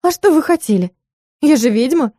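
A woman's voice: high voice, lively intonation, moderate pace, warm tone, no room sound, studio quality, voice pushed up. Woman playing a snappy, short-tempered witch. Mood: irritated. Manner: snappy, growling commands. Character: short-tempered young female witch fortune-teller.

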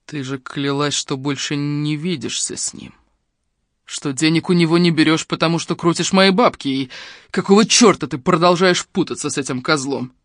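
A man voicing a domineering, angry middle-aged man in an audiobook, speaking low and cold. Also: fairly quick, no room sound, clean studio sound, lightly acted. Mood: cold anger. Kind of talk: audiobook character reading.

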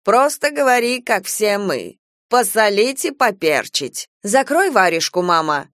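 A woman voicing a blunt, teasing old grandmother who speaks slowly. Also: mid-range voice, very animated, fairly bright tone, no room sound, studio quality.

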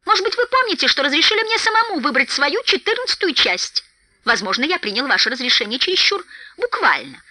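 A woman voicing a small, timid male hobbit who talks in a squeaky, fretful way. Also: sing-song, fairly quick, pushed and bright, dry recording, exaggerated voice. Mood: indignant.

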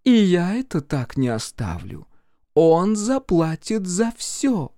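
A man's voice: high voice, very animated, slow pace, dark tone, dry recording, studio quality, voice pushed up, heavily acted. A man doing an imperious, haughty mother. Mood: indignant. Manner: curt, imperious, clipped. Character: haughty, domineering middle-aged mother.

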